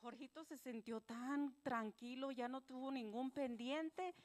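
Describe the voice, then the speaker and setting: A woman telling a children's story in church, animated and gentle, acting out the voices with simple words for kids. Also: sits high, measured pace.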